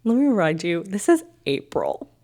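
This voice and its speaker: A woman's voice: lowish voice, huge pitch swings, normal speed, warm tone. A young woman co-hosting a podcast, narrating true stories in casual chat with joking asides. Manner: reads story details, breaks off for joking asides.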